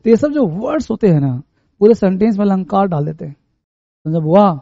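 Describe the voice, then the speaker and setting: Male grammar teacher, high voice, mellow tone, dry muffled sound. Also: brisk, creaky, dry recording. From India. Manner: animated, acts out everyday scenes to explain. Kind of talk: classroom lecture.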